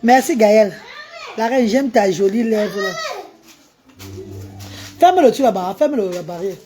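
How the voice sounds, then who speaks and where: Woman host on a live stream, a bit high-pitched, lively and coaxing. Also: slow pace, slight background noise. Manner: animated, coaxing a child between remarks to viewers. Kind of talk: casual live-stream chat with viewers.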